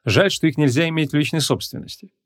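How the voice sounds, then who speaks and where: A man's voice: fairly high pitch, quick pace, no echo, studio quality. Man reading a humorous fantasy audiobook. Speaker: audiobook narrator. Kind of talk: scripted audiobook narration.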